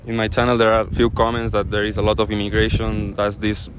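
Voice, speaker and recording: Male street interviewer, casual questioning, flat intonation, clear street noise. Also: fairly low pitch, quick pace. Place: outdoors in a seaside town.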